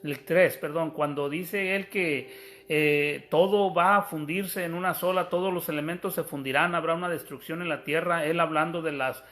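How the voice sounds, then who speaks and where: Preaching a sermon, a man explains scripture step by step, addresses his listeners as brothers, and often restarts his sentences. His voice is on the high side and a bit bright.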